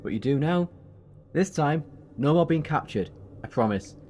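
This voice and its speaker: Man as the Doctor, an animated time traveller. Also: fairly high pitch, moderate pace, a little hiss or hum, close to an everyday voice. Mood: teasing, reassuring. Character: kindly, whimsical adventurer and time traveller, warm protector. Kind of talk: audio drama acting. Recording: faint music behind the voice.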